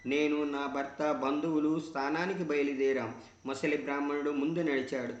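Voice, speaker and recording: A man reading a scriptural story aloud in a measured, devotional way, in a roomy, dull recording. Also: fairly high pitch, fairly even intonation.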